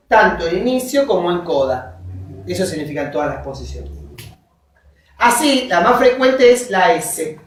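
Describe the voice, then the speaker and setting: A lecturer reads from notes in a measured classroom voice, pausing to check that students follow. Examples are spelled out one word at a time. The voice is picked up from well across a very reverberant room. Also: medium pitch. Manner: dictates from notes, checks in with frequent "¿sí?". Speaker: university linguistics teacher. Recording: very echoey classroom, voice from far off.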